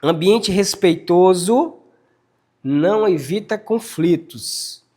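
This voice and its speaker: A man leading a casual workplace training talk, animated and addressing his team directly with frequent tag questions. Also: high voice, slow. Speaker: team leader giving a workplace briefing.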